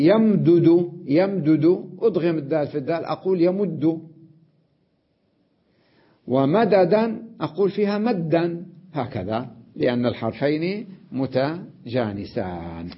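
A man teaching an Arabic grammar lesson, sounding out letters slowly, repeating examples and often checking that the listener follows. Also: a little high, animated, husky, highs cut off. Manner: addresses the listener directly with checks like "notice" and "right?".

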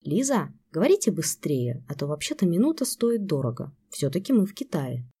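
A woman reading the lines of a calm, kindly grown man who speaks softly and soothingly. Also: fairly low pitch, normal speed, slightly rough, exaggerated voice. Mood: gentle. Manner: soft, steady, soothing.

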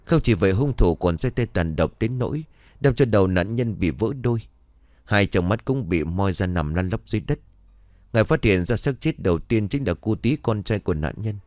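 A man's voice: lowish voice, animated, moderate pace, a little mellow, dry recording, studio quality, natural voice. A man doing a grave village police officer. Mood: grave, official. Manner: formal, matter-of-fact reporting. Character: stern male village police officer, middle-aged.

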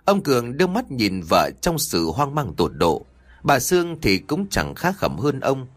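A man narrating an audio story in a dramatic, expressive way. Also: medium pitch, unhurried.

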